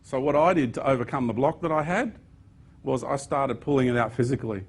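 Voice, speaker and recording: A man's voice: mid-range voice, a little fast, breathy edge. A man giving an earnest spiritual talk to an audience, with sudden emphatic bursts. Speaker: speaker.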